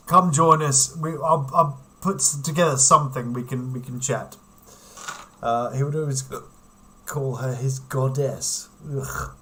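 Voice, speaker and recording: A man's voice: a little high, a bit bright. A man hosting a casual livestream, rambling and giggling as he chats with viewers. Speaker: livestream host.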